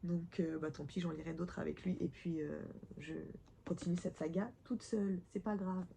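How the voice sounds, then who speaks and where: Gravelly-voiced woman chatting about books. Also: fairly low pitch, steady tone, normal speed, mellow, slight background noise. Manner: chatty, enthusiastic, with frequent restarts and whispered asides. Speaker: book vlogger. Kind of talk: casual book haul chat. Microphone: camera mic.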